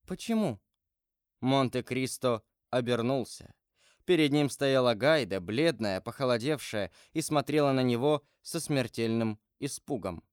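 A man narrating a classic novel as an audiobook in a measured, expressive reading. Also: medium pitch, clear, resonant tone, no echo, clean studio sound. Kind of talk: scripted literary narration.

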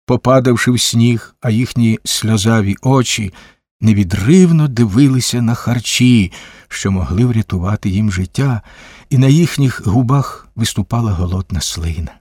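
A man reading a novel aloud as a measured audiobook narrator. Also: fairly low pitch, a little mellow, slightly rough, no room sound, clean studio sound. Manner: measured, unhurried storytelling. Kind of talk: scripted narration.

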